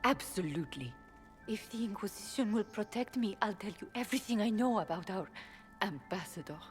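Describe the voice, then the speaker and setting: A woman's voice: medium pitch, expressive, fairly quick, soft background music, close to an everyday voice. A woman playing a bitter, guarded elven servant and informant in a video game. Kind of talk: video game dialogue acting.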